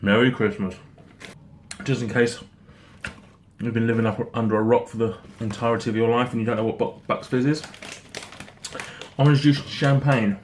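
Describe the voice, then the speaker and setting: A man giving a casual snack review in a halting, rambling way, often repeating himself. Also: mid-range voice, fairly even intonation. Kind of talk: casual product review chat. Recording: noticeable background noise.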